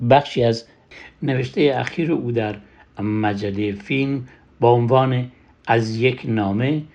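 A man hosting a cinema program, presenting scripted introductions in a formal, measured way. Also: medium pitch, a little mellow, muffled recording. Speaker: radio host.

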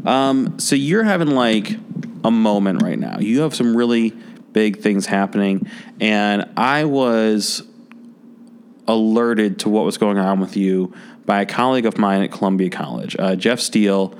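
A man hosting a podcast interview, chatty and relaxed with dry sarcasm. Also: lowish voice, measured pace, clear, resonant tone. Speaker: podcast host; college instructor. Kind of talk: casual interview. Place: office space during an event.

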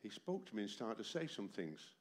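A fairly low-pitched man in his seventies preaches in a very animated, fairly quick way, with slight background noise present. Tired from a cold, his voice still pushes rhetorical questions at the congregation. He speaks into an amplified microphone in a church hall.

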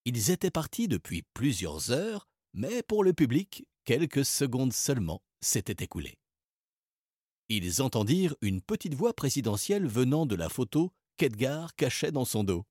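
A man narrating a children's storybook in a lively, expressive way. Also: mid-range voice, normal speed, slightly rough, no echo, studio quality. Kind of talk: storybook reading.

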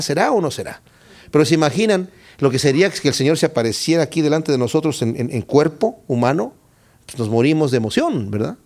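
A man preaching a Bible study sermon, reading scripture aloud and explaining it with lively questions to his listeners. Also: a little high. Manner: expressive, reads scripture then explains it, asks the listeners questions.

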